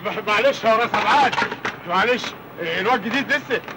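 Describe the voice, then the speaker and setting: An actor playing a harried, soft-hearted middle-aged uncle with an Egyptian accent, pleading and placating. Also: male voice, sits high, brisk, heavy background noise.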